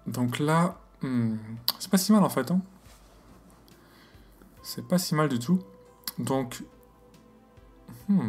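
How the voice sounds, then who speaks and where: In a screen-recorded tutorial on astrophotography software, an English-accented man talks in a medium-pitched voice. His delivery is casual and halting, filled with fillers and self-corrections.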